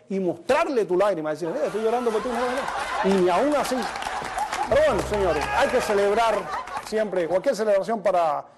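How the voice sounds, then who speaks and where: High-voiced comedy show host. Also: male voice. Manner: joking storyteller, punchline delivery. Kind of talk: stand-up comedy monologue. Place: television studio.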